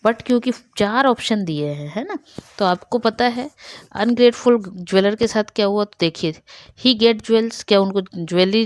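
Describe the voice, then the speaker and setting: A woman teacher with an Indian accent. She reads English questions slowly and explains them in Hindi, often asking a question and answering it herself. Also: mid-range voice, no room sound, studio quality. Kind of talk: Hindi-medium English revision lesson.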